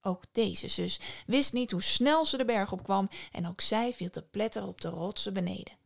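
A woman's voice: mid-range voice, moderate pace, vocal fry. Woman narrating a story with wry asides. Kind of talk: scripted narration.

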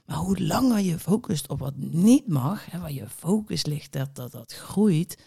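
A woman hosts her own podcast as a diet coach, talking straight to the listener in a loose, chatty monologue. Her voice has a gravelly, fry-tinged edge. She is blunt, swears now and then, and acts out the listener's inner thoughts. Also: low voice, expressive, unhurried, dark tone. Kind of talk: casual solo podcast monologue.

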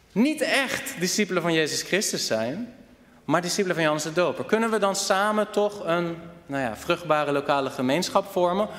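A male preacher giving an animated sermon, questioning his congregation directly. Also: fairly high pitch. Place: church hall. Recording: reverberant church hall.

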